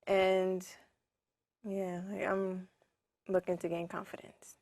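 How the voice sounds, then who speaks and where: Young woman guest, soft and hesitant, low even pitch, dry. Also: takes it slowly, no echo. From New York. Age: young adult. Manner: soft-spoken, hesitant, many ums. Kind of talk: casual interview answers.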